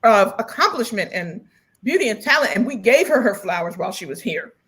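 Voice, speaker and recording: A woman's voice: medium pitch, lively intonation, brisk, fairly bright tone, husky. A woman co-hosting a casual chat podcast, emphatic and profane, laughing often. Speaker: podcast co-host.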